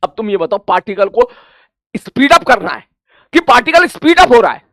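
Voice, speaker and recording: High-voiced man teaching physics. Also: big pitch swings, fairly quick, fairly bright tone, dry recording, studio quality. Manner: chatty, quizzes himself in students' voices and answers; addresses students familiarly as brother and child. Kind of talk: coaching class lecture.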